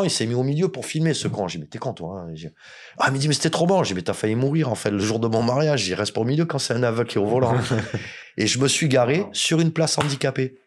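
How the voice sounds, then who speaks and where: A man from France, a podcast guest, telling stories in casual chat, blunt and joking with plenty of swearing. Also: mid-range voice.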